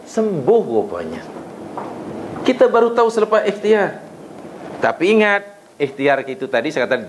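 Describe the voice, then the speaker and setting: A middle-aged man with a Malaysian Malay accent gives a religious lecture in a fairly high voice. He preaches with energy and keeps asking his listeners questions. A faint hiss sits under the recording. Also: poor audio. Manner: lively preaching with rhetorical questions and acted prayers.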